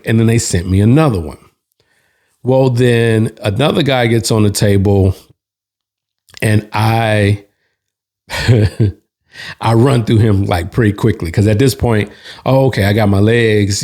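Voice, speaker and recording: A man hosting, telling a bar story in a relaxed, slangy way with restarts and asides. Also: on the low side. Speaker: host. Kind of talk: casual storytelling.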